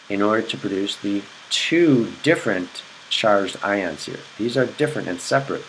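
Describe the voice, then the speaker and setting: Male chemistry teacher, lowish voice, patient repeating lecture style, faint noise behind. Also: rough recording. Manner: repetitive, checks in with "okay?". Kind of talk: recorded classroom lecture.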